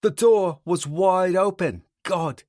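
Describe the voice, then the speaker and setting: A woman's voice: lowish voice, slow, darkish tone, dry recording, clean studio sound. A woman voicing a sarcastic, teasing young male rocker bandmate in an audiobook. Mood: taunting. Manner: sarcastic and taunting.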